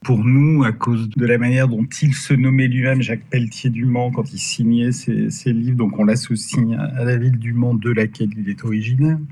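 A man's voice: medium pitch, level tone, moderate pace, few pauses, mellow. Hesitant male academic explaining in an interview. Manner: hesitant, searching for words. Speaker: academic expert guest.

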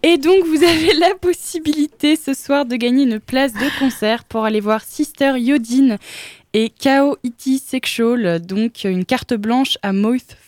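A woman's voice: high voice, unhurried, darkish tone. A woman hosting a radio show in a studio, chatting casually with fillers and small hesitations. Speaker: radio host.

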